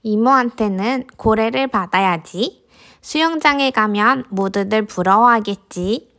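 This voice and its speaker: A woman's voice: a little high, measured pace, fairly bright tone. A woman voicing an imaginative, envious little boy in a picture book read aloud to toddlers. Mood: dreamy, excited. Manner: childlike, simple storybook delivery for toddlers. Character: imaginative little boy envying his big sister's puppy. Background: background music.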